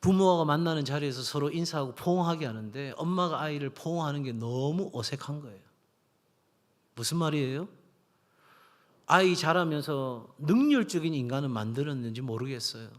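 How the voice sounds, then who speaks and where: A middle-aged man, the senior pastor, preaching a sermon in a church and telling stories, sometimes acting out the voices in them. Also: on the high side. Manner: storytelling, acts out voices in anecdotes. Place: church sanctuary. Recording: long hall reverb.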